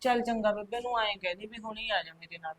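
A woman's voice: medium pitch, quick pace, close to an everyday voice. A woman playing an upset married daughter who answers in short pleading replies. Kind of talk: rural family drama acting.

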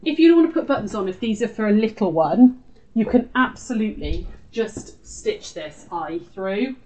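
Her voice is medium-pitched and dark, with lively intonation and a normal pace, as this British craft tutor in her forties hosts a live demonstration. She's chatty and informal, occasionally talking to herself while working in an indoor craft room. The mic is distant and the room echoey.

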